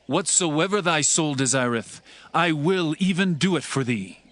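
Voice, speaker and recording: A man's voice: on the high side, animated, unhurried, a bit bright, no room sound. A man playing a loyal young prince in a dramatized Bible reading, speaking solemnly and earnestly in declamatory archaic English. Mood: reassuring. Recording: background music under the voice.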